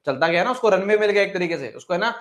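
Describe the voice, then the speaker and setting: Brief: young male chemistry teacher, slightly high voice, coaxing and repetitive, answers his own questions. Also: expressive, fast, a bit bright. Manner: coaxing, repeats phrases, asks and answers students' questions himself; mixes English terms into the talk, calls students "beta". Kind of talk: classroom lecture.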